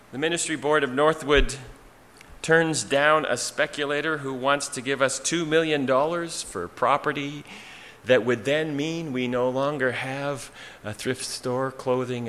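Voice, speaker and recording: A male pastor delivers a sermon at an unhurried, deliberate pace, leaning on repeated refrains and pauses. His voice is bright and forceful, carried by a long church reverb. A faint hum of the room sits underneath. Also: mid-range voice. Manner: slow, rhythmic preaching with repeated refrains and dramatic pauses. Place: church sanctuary. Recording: hall reverb, faint ambience.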